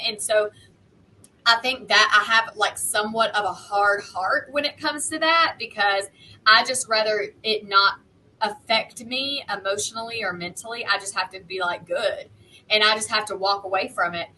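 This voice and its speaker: Woman chatting in a group, bright forceful voice, pretty frank, some background noise. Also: mid-range voice, normal speed, poor audio. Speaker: online content creator and panelist. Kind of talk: casual group discussion.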